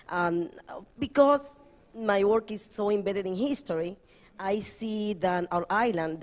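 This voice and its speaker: A woman from the Dominican Republic speaking as an artist on a panel, halting and searching for words, with Spanish phrases mixed in. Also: mid-range voice, darkish tone. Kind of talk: panel talk.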